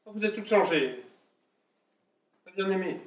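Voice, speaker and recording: Male actor as a fretful romantic lover, stuttering, over-the-top pleading, a touch high, echoey room, distant mic. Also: animated, unhurried. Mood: anxious pleading. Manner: stammering, effusive, pleading. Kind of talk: stage comedy acting. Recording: echoey room from far off, faint hiss.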